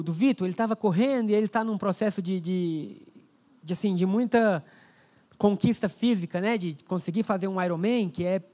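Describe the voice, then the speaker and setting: A male pastor delivers a sermon in a notably high voice. He preaches emphatically, driving key phrases home by repeating them, and slips into a lifted voice to act out prayers. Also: a little mellow.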